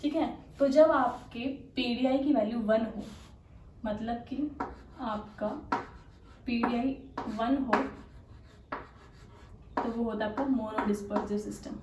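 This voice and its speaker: A woman's voice: a little high, steady tone, slow, pauses often, a little mellow, recorded from a distance. Echoey, off-mic woman teaching chemistry. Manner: explains step by step with frequent rhetorical questions and "theek hai"; mixes English technical terms into her talk. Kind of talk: exam-prep lecture. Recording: echoey room, voice a bit off-mic, faint hiss.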